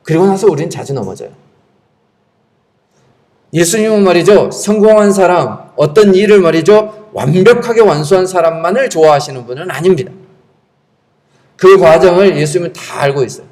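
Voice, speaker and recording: A pastor delivers a Sunday sermon from a church sanctuary in a fairly high man's voice. His pitch leaps and falls widely as he preaches emphatically. He keeps putting rhetorical questions to the congregation. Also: lively intonation, normal speed, pauses often, darkish tone.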